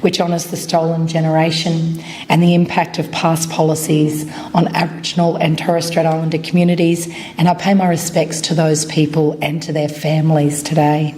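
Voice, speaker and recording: A woman with a voice raspy from a cold, giving a formal speech as a guest academic. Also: low voice, completely flat delivery, normal speed, darkish tone. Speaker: professor and research centre director, guest speaker. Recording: noisy live event room.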